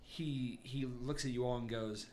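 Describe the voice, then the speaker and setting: A man's voice: mid-range voice, fairly even intonation, unhurried, a little mellow, slight background noise. A man narrating a tabletop game as game master, laid-back, swearing and laughing often.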